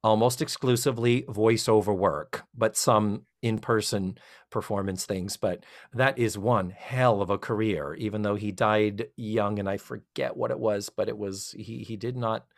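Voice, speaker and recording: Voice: mid-range voice, normal speed, creaky. A middle-aged podcast co-host in casual chat, retelling a TV episode in a rambling way and acting out the characters' lines. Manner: animated, rambling storyteller who acts out quotes.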